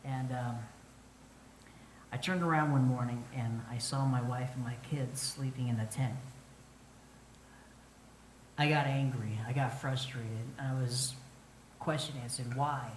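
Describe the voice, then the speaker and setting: A middle-aged man from northern Arizona telling his own story in an earnest, halting way, with many pauses and fillers. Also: medium pitch, fairly even intonation, reverberant, slight background noise, low-quality recording. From northern Arizona, United States. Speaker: Navajo flute musician telling his story. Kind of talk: personal storytelling to an audience.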